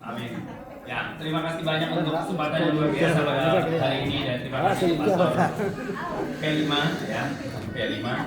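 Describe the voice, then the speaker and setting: Over a noisy crowd, a Central Javanese man with a slightly high voice and a slightly quick pace preaches as a guest evangelist, chatting personally with the congregation and posing rhetorical and tag questions. The setting is a large, echoey room, picked up by a distant mic with the audience present.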